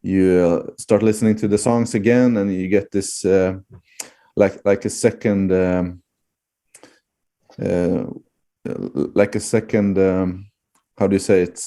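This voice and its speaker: Low, mellow Swedish-accented man. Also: little pitch movement, a little slow, long pauses. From Sweden. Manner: hesitant, searching for words. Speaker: musician, interview guest. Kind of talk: casual podcast interview.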